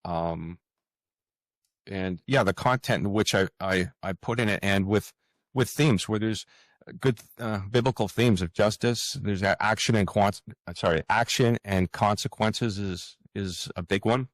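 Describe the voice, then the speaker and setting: Speaking as a guest author, a man with a low, deep voice gives relaxed, conversational interview answers. He comes across as earnest, pausing often to find his words. The audio is dry and echo-free, with hardly any room ambience.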